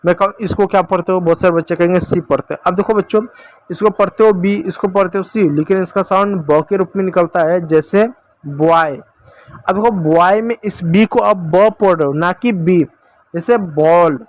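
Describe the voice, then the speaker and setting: A man teaches children English phonics, patiently asking questions and then answering them himself, and keeps calling the kids "dear children." His voice sits high, and there's no echo.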